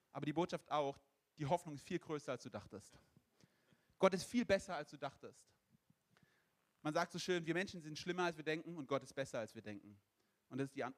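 A man preaching a sermon, speaking emphatically and directly to the listener. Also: medium pitch.

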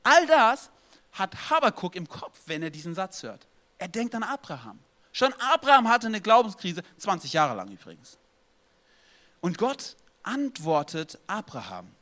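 A pastor preaching a sermon, lively and direct, acting out prayers and dialogue as he speaks to his congregation. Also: high-pitched, measured pace.

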